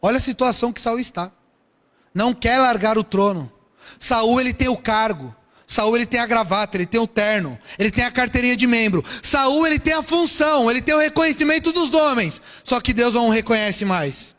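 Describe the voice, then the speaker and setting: High-voiced preacher in a reverberant hall. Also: male voice, a little fast. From São Paulo, Brazil. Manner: lively storytelling preaching with rhetorical questions. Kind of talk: sermon.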